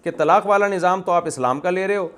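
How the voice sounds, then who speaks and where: Emphatic preacher, higher-pitched man. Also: a bit bright, smooth. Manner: emphatic, argumentative, repeats phrases for stress. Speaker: Islamic scholar. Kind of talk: religious lecture.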